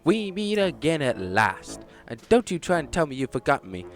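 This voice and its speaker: A man's voice: on the high side, big pitch swings, moderate pace, music in the background, pitched above the performer's own voice. A man voicing a vengeful, bombastic male villain who leads a clan, delivered in a theatrical, declaiming way.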